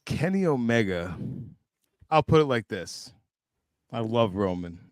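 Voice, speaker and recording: A man in a casual group chat, animated and blunt, joking and swearing with his friends. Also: medium pitch, unhurried, no echo, studio quality. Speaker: co-host and wrestling fan.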